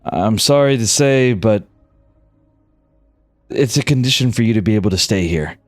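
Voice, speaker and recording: A man's voice: lowish voice, expressive, moderate pace, no room sound, clean studio sound, faint music behind, natural voice. A man voicing a cold, authoritative recruiter in a tabletop game, offering formal, scripted-sounding sympathy while making firm demands. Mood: formal, unyielding. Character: cold, authoritative male recruiter, politely unyielding fixer. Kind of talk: tabletop role-play.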